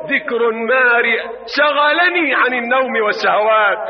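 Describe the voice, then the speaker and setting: A man preaching an impassioned sermon, moving from hushed tones to shouted, chanted appeals. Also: very high-pitched, normal speed. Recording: distant, dull lo-fi recording.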